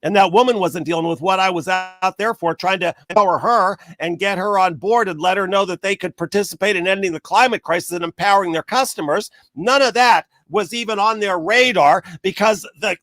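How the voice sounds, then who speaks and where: High-voiced man ranting, dry sound. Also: dry recording. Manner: animated storyteller, acts out quoted people, rants. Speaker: vlogger telling a story. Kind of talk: casual rant to camera.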